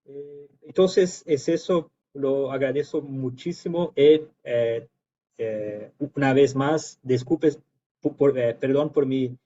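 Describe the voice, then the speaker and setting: A Brazilian man with a Portuguese accent giving informal academic remarks in Spanish mixed with Portuguese, haltingly searching for words as a native Portuguese speaker. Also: medium pitch, dark tone, slight background noise. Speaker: guest lecturer. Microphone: video call. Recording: dull lo-fi online call.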